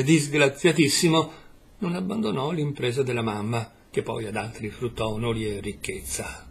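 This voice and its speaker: A man reading the part of a troubled man haunted by his past, confessing in a pained, halting way. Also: medium pitch, creaky, husky, full character voice. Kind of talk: audiobook reading.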